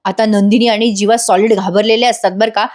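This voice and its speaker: A woman's voice: mid-range voice, fairly even intonation, fairly quick, darkish tone. A woman narrating a voice-over recap of a TV serial episode, chatting directly to her viewers. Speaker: TV serial reviewer.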